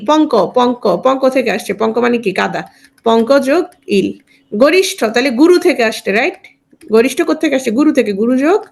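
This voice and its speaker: A high-pitched woman teaches a grammar lesson. She breaks each word into parts, poses a question, then answers it herself. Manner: explains step by step, asks and answers own questions.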